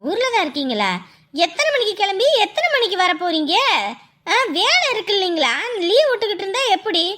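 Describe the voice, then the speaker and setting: A woman's voice: very high voice, very animated, a little fast, fairly bright tone, exaggerated voice. A woman as a worried, nagging wife. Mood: anxious scolding. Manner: scolding, worried. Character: anxious, nagging wife on the phone. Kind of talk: family drama acting.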